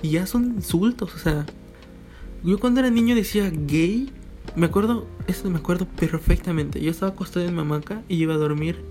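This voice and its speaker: A man's voice: high-pitched, fairly quick, warm tone, soft background music. A young man with a Mexican Spanish accent, talking casually in a joking monologue with quoted voices. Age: young adult.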